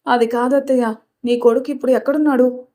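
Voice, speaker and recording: A woman's voice: sits high, steady tone, fast talker, warm tone, close to an everyday voice. A woman voicing a spoiled, clingy young woman who pleads with her aunt in a storybook reading. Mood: pleading. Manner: whiny, pleading.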